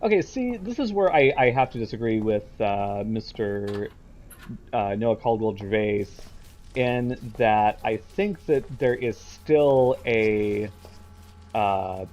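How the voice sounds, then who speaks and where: Mellow man doing game commentary. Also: on the low side, lo-fi sound. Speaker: Let's Play host. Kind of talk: casual gameplay commentary.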